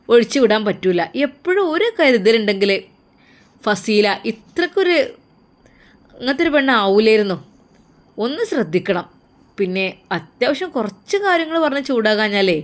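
A woman as a meddling middle-aged aunt, Malabar accent, coaxing and firm, higher voice. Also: sing-song, normal speed, pauses often. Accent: Malabar Malayalam. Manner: coaxing, persuasive, scolding. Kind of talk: storytelling role voice.

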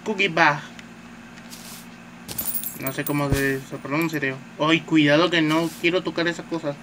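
A man's voice: a little high, fairly even intonation, moderate pace. Chatty gamer man, noisy recording. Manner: chatty, says "tío" constantly, swears at enemies. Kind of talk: casual gameplay commentary. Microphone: phone mic.

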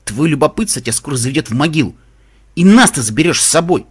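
A man reading an audiobook, voicing a hot-tempered, protective young male pegasus who shouts when he scolds. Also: fairly high pitch, lively intonation, quick pace, slightly rough. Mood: angry.

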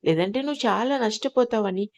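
Stern scolding inner conscience, read by a woman storyteller; insistent, higher and pushier than the narration. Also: brisk, lightly acted.

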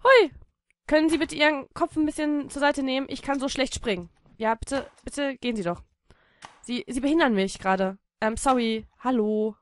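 A woman with a German accent giving playful, silly let's-play commentary, switching between mock storytelling and sudden shouts. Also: high-pitched, normal speed. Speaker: gaming YouTuber.

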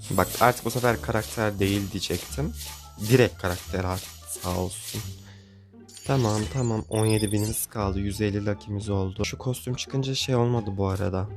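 A man's voice: lowish voice, fairly even intonation, moderate pace, soft background music. A young man giving casual gameplay commentary, pleading with and grumbling at the game as he spins for prizes. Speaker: gaming YouTuber.

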